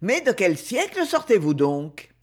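A man's voice: sits high, huge pitch swings, measured pace, heavily acted. A man reading aloud and voicing a playful society lady who teases in a raised voice. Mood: teasing. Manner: teasing, half laughing.

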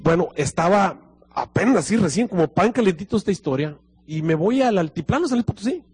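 Husky preacher telling stories. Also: male voice, fairly quick. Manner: storytelling, acting out dialogue with lively pitch swings. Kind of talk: sermon.

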